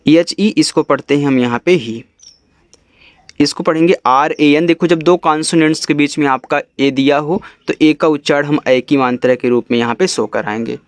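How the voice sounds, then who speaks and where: A man from India teaching English reading, spelling each word letter by letter and then sounding it out slowly. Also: on the high side, no room sound. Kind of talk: step-by-step spelling lesson.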